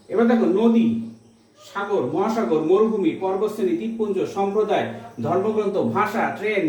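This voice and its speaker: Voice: mid-range voice, darkish tone. A teacher giving a patient grammar lesson, repeating examples and checking that students follow. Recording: echoey room, distant mic.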